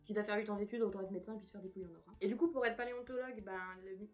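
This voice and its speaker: A woman's voice: medium pitch, steady tone, very fast, darkish tone, dull audio, faint music behind. A young woman vlogging casually at home, chatty and self-mocking, who swears when frustrated. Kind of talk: casual vlog chat. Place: apartment room, indoors.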